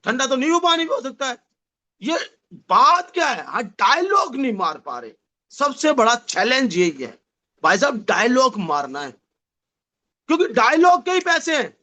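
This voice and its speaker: A man giving a lively motivational sales seminar, repeating phrases and calling the audience his dear friends, with a slight touch. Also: very high-pitched, normal speed. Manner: animated, repetitive, addresses audience as "my dear friend". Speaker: network marketing trainer.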